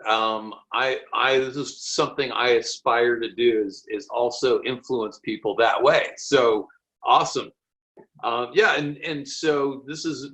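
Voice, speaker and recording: A man's voice: mid-range voice, fairly bright tone. Eager male interview host. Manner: enthusiastic, restarts sentences often. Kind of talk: casual interview.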